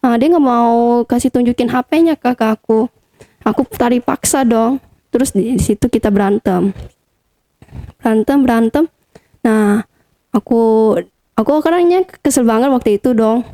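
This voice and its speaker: A young woman recounting a personal story in casual conversation, pausing often and hedging with fillers. Her voice sits a little high. Its tone is deeply mellow and warm. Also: no echo. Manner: chatty, hesitant with many fillers. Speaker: interview guest.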